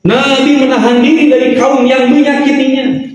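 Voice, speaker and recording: A man preaching a sermon in a lively, sing-song way, quoting Arabic phrases. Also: very high voice, moderate pace, a little hiss or hum. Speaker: Islamic preacher. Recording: echoey hall, voice from far off.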